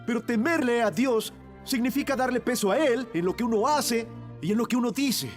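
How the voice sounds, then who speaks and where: An actor playing a dying thief on a cross, speaking a grave, intense monologue. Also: male voice, extremely high pitch, brisk, soft background music. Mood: searching. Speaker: narrator of a monologue. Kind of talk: dramatic film monologue, dubbed.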